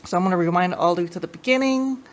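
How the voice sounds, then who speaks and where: A woman with a lowish voice talks fast, hosting a casual how-to demo for a tape deck tech channel and explaining things informally with a bit of hesitation. The recording is clear, with room ambience in the background.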